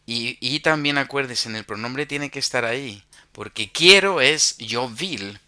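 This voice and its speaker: A man teaches a language at an unhurried pace, drawing out each example so it can be repeated. His voice is bright and crisp. The recording is dry and close, with no room sound. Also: medium pitch, expressive, no echo. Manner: slow, deliberate, spells out words and pronunciation.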